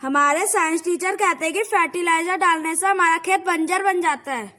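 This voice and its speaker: Woman as very high-pitched earnest schoolboy. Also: moderate pace, pushed and bright. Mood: questioning. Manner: earnest, lecturing, declaimed. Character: earnest clever young farmer's son, schoolboy. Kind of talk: amateur street play acting.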